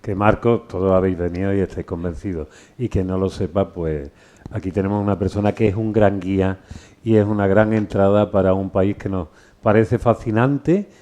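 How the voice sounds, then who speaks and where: A man's voice: deep voice, moderate pace, warm tone. A middle-aged or older man with a Spain accent hosts informally, telling anecdotes in a digressive, repetitive way. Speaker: book presentation host. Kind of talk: informal anecdotal public talk. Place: live book presentation with microphone.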